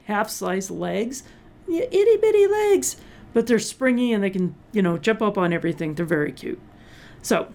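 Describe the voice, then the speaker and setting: A woman host in casual chat, hoarse and short of breath from asthma, chatty with sarcastic asides. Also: medium pitch, a little mellow. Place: Colorado.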